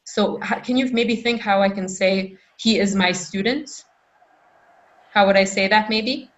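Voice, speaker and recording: A woman teaching a Hebrew lesson over a video call, patient and encouraging, repeating phrases slowly for her students. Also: mid-range voice, dull audio. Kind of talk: online language lesson.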